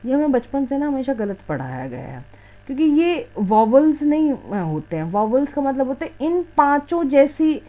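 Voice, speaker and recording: A woman's voice: high voice, big pitch swings, normal speed, narrow, tinny audio. A woman teaching an English exam lesson, switching between Hindi and English and posing questions she then answers herself. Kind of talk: explaining a lesson.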